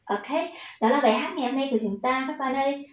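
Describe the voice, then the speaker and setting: A woman's voice: high-pitched, quick pace, reverberant, highs cut off. A woman with a Vietnamese accent teaching children English pronunciation, patient and encouraging, stretching out the model words.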